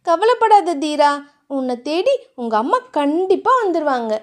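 A woman's voice: big pitch swings, unhurried, full character voice. A woman voicing an innocent, playful young heroine in a romance audiobook, with a childlike, cheerful way of speaking. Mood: sweet. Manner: childlike, cheerful, high and sing-song.

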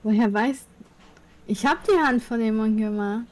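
A woman's voice: fairly high pitch, measured pace, low-quality recording. A woman chatting casually on a stream, teasing her partner and fretting about how she looks. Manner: teasing, self-critical. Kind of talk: casual chat.

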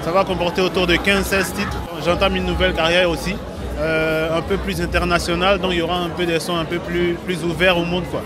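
A man's voice: high-pitched, brisk. Man talking over party noise. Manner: relaxed, hesitant with fillers. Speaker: artist and producer. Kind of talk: casual interview. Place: indoor event room, backstage. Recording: crowd and music behind.

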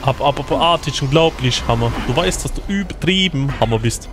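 A man's voice: mid-range voice, expressive, fairly quick, noisy background. A man doing casual gaming commentary with crude, joking banter. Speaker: let's player in a co-op game session. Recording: game music behind the voice. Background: video game music.

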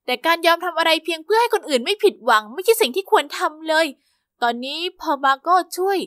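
Female story narrator, high-pitched, lively and expressive, dry close studio sound. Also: fast talker, dry recording. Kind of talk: scripted first-person narration.

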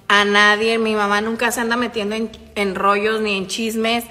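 A woman's voice: mid-range voice, little pitch movement, normal speed, pushed and bright, long reverb tail. A woman with a Mexican accent telling a gossip story on her live stream, with a profane, slangy manner, addressing her viewers as girls. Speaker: livestreamer and online shop owner. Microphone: phone.

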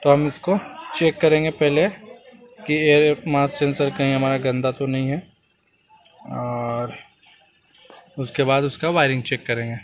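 This hands-on repair tutorial features a young mechanic explaining each step while working on an engine outdoors, both inside the car and at the open engine bay, shot closely on a phone. He speaks in a steady, medium-pitched voice at a measured pace, pausing often.

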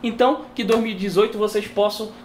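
A woman's voice: medium pitch, fairly even intonation, quick pace, darkish tone. Woman guitar teacher, casual at-home lesson, talky, demonstrates as she speaks, faint background hiss. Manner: chatty, tags sentences with "né?"; explains while demonstrating on guitar.

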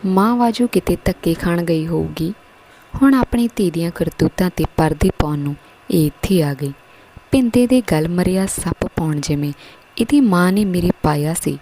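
A woman's voice: fairly low pitch, normal speed, dark tone, rough recording. A woman voicing a harsh, insulting village husband in a spoken story. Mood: scornful. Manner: sneering, insulting.

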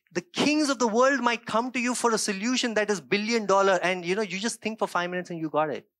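A man's voice: sits high, fairly bright tone, no echo, clean studio sound. A man in his thirties from India, a pastor preaching a sermon in a conversational way, often checking in with his listeners, into a handheld mic on a small church stage. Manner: gestures a lot while preaching on a stage.

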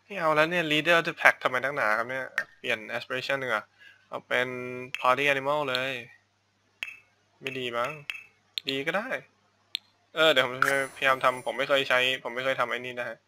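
A man's voice: medium pitch, fairly even intonation, normal speed, sharp tone, slight background noise. A man giving casual let's-play commentary, rambling and thinking aloud as he goes, often repeating words while he decides what to do next. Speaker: gaming YouTuber. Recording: game music clearly behind the voice.

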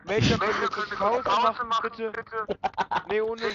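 Crowd noise sits behind this high-voiced, unhurried young man, a drunk online gamer with a German accent. Over muffled, lo-fi voice chat he's crude and excitable, swearing a lot as he plays.

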